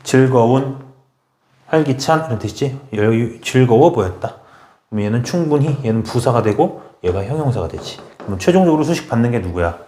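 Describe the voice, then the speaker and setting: A man teaching an English grammar lesson in a brisk way, often checking in with his students and urging them to memorize. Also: medium pitch, animated, mellow, roomy sound. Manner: brisk, repeats "okay?" and pushes students to memorize. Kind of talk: classroom lecture.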